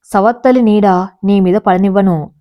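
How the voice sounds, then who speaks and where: A woman voicing a grieving stepmother who speaks quietly, holding back her hurt, in a storybook reading. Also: medium pitch, measured pace, dull audio, natural voice.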